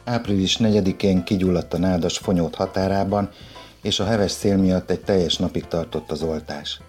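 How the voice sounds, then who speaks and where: Man, radio news reading, very deep voice, soft music underneath. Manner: even, measured read of a script. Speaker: newsreader.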